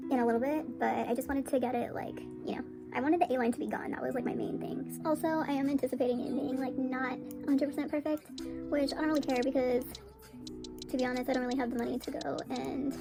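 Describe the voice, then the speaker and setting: A woman vlogging in a casual, rambling way, her audio sped up so she sounds like a chipmunk. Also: high voice. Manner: chatty, offhand, rambling. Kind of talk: casual chat to camera. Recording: music playing in background.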